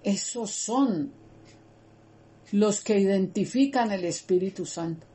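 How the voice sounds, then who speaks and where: A woman leads a Bible study in a mellow, warm voice, earnest and conversational. She repeats phrases for emphasis and keeps turning to talk straight to her listeners. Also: mid-range voice. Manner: earnest, repetitive, addresses listeners directly.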